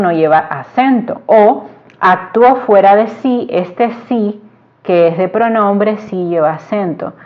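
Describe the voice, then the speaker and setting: Woman from Latin America, teacher voice, mid-pitched, walks through examples carefully, slightly dull lo-fi recording. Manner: explains slowly with example sentences, stresses quoted phrases. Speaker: Spanish teacher. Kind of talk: grammar lesson. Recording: dull lo-fi sound.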